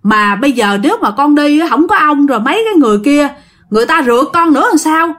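A terrified young woman, voiced by a woman telling a ghost story, begs an old man for rescue. Her voice rises high and pleading, and she repeats her words. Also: lively intonation, fast talker, fairly bright tone. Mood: frightened pleading.

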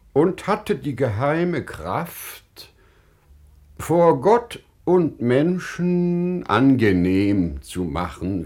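In a classical German stage-style radio play, a male actor gives a full character voice to a wise, humble storyteller telling a parable to a sultan. His low, darkish voice narrates solemnly with unhurried, deliberate, dramatic phrasing, widely swinging intonation, and weighty pauses.

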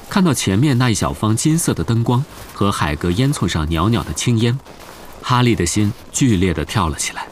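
A man narrating a novel as an audiobook in a steady storytelling manner. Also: on the low side, slight background noise.

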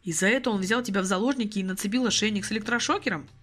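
A woman's voice: medium pitch, racing, fairly bright tone, lightly acted. A woman voicing an exasperated, level-headed young man who scolds and pleads with a friend, in an audiobook reading. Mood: indignant.

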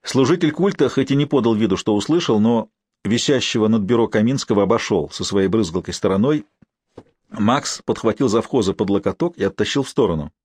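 A man reading an audiobook in expressive, measured scripted narration. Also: lowish voice, slightly rough, no echo.

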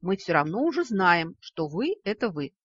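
A woman reading a story, voicing a tall, thin, politely flattering male creature who smooths over every quarrel. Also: fairly low pitch, normal speed, no room sound, highs cut off.

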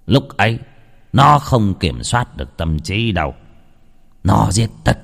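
A man voicing an old village shaman who gives stern, gruff orders slowly. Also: fairly low pitch, sing-song, fairly bright tone, heavily acted. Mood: solemn. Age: older. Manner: slow, stern, gruff commands. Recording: long reverb.

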